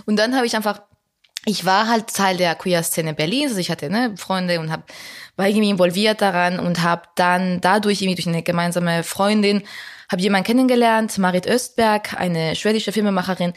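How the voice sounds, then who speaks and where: A woman's voice: mid-range voice, fairly quick. A young woman from Spain, speaking German in a candid interview, reflective and full of fillers and restarts. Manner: reflective, many fillers and restarts, laughs often. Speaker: guest.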